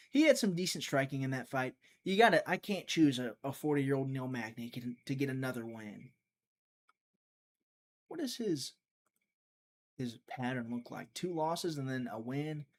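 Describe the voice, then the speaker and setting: Talking to his chat on a live prediction stream, this man keeps it casual, reasoning aloud and sometimes fading into a mumble. His voice is mid-range.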